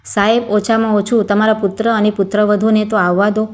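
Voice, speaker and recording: Woman reading as a kind older widowed housekeeper, soft and reassuring, medium pitch, storybook tale. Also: little pitch movement, a little fast, lightly acted. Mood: caring.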